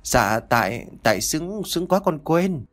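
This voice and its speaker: A man's voice: fairly high pitch, sing-song, normal speed, pitched above the performer's own voice. A man voicing a young wife who answers hesitantly and stammers while hiding her misery. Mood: strained.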